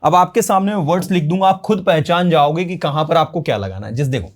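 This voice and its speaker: A man with a Hindi accent and a fairly high voice gives a classroom-style grammar lesson. He keeps asking his listeners questions and then answers them himself, switching between Hindi and English terms. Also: fast talker. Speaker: English teacher.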